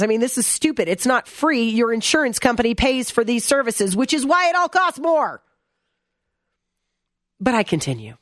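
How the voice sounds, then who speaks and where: A woman's voice: a little high, fairly bright tone, no room sound, studio quality. A woman hosting an opinion commentary segment, reading text aloud and mocking it in a sarcastic, blunt, exasperated way. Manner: reads text aloud and mocks it.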